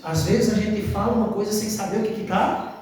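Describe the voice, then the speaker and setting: A man's voice: sits high, a little fast, a little mellow, a little hiss or hum. A man preaching a sermon in church, folksy and questioning, calling his listeners brother. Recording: very echoey church, mic far off.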